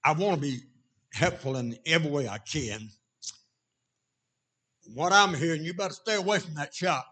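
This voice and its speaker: A man with a Southern US accent and a raspy voice preaching an informal sermon in a folksy drawl, talking directly to his congregation. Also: on the high side, moderate pace, bright, forceful tone. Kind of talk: informal sermon with jokes and shouts of praise.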